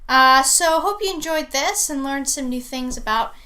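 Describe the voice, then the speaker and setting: A woman co-hosting a casual show of chat and mock news reading, laughing easily and filling pauses with lots of "um" and "uh." Her voice is high, pushed and bright, at a normal speed.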